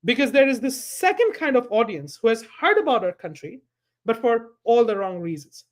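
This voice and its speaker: A man's voice: very high-pitched, very animated, moderate pace. A man from Bangladesh, a panel guest giving prepared, persuasive commentary and putting rhetorical questions to the listener.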